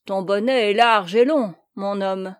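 A woman's voice: medium pitch, a little slow, lightly acted. A woman reading a blustering knight captain. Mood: commanding. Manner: loud, commanding exclamations. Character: hot-tempered boastful male knight captain. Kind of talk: audiobook character reading.

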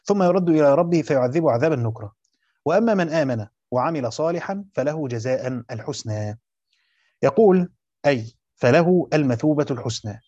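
A man's voice: on the high side, lively intonation, fairly quick, warm tone, dry recording. A man with an Egyptian accent teaching a lesson on Quranic commentary, explaining step by step, repeating phrases and quizzing his students. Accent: Egyptian Arabic. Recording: muffled, dry lo-fi recording.

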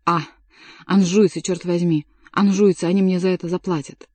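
A woman reading an audiobook, voicing a hysterical, raging male king with shrill, overwrought outbursts. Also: level tone, moderate pace, dark tone, no echo, natural voice. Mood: furious.

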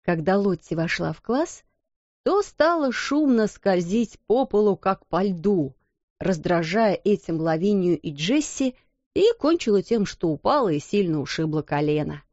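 A woman narrating a children's story aloud, animated and acting out the characters. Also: medium pitch, unhurried, dry recording, lo-fi sound. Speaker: audiobook narrator. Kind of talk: expressive storybook reading.

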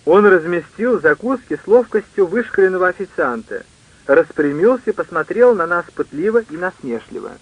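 A man narrating an audiobook in a measured, even reading. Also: sits high, narrow, tinny audio.

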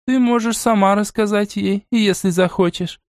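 Man playing an aristocratic old grandmother, stern, measured, cool, commanding, audiobook, dry close recording. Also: sits high, steady tone, dry recording, pitched above the performer's own voice. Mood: calm.

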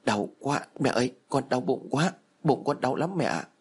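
Male narrator doing a weak young wife in pain, tired and husky. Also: medium pitch, expressive, moderate pace, voice pushed up. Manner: weary, pained.

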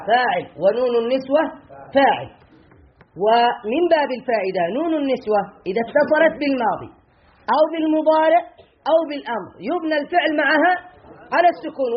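A man with a strikingly high voice teaches grammar to a class. He quizzes his students and answers his own questions, drilling key terms again and again. The classroom recording sounds dull and lo-fi.

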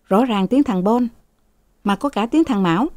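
A woman voicing a sick, bedridden older father who scolds and pleads in a shrill voice. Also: animated, normal speed, darkish tone, no room sound, lightly acted. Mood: scolding.

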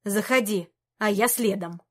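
A woman's voice: mid-range voice, a little slow. A woman doing a mocking traitor knight. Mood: mocking threat. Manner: mocking, shouting, through clenched teeth. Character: treacherous young male knight, greedy and defiant.

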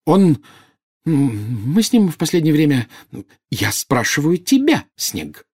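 A man's voice: mid-range voice, very animated, a little fast, a little mellow, breathy edge, pitched above the performer's own voice. A man voicing a furious, jealous witch in an audiobook, bursting out in scornful, indignant retorts.

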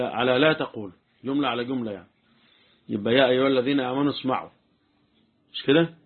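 Fast-talking Egyptian sheikh, tinny recording. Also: male voice, medium pitch, slightly rough. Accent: Egyptian Arabic. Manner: talkative, keeps checking the listeners follow. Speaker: sheikh teaching Quran commentary. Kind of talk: informal religious lesson.

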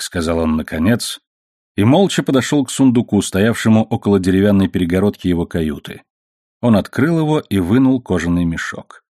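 Male audiobook narrator, measured delivery, lowish voice, dry close mic. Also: mellow, no room sound. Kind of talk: scripted narration.

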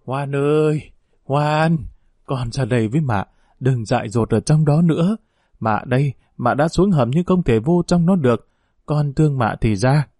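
A man's voice: mid-range voice, lively intonation, normal speed, dark tone, husky, no room sound, studio quality. A man reading the part of an old peasant mother, fierce and grieving, in a pleading, scolding voice. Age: older.

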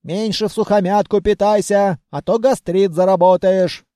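A man's voice: high voice, fairly even intonation, moderate pace, mellow, no echo, studio quality, natural voice. A man voicing a stern, fussing old grandmother who heals by magic in an audiobook. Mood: bossy. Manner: scolding, commanding.

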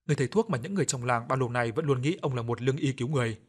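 A man narrating an audio story in a steady, measured reading style. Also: medium pitch.

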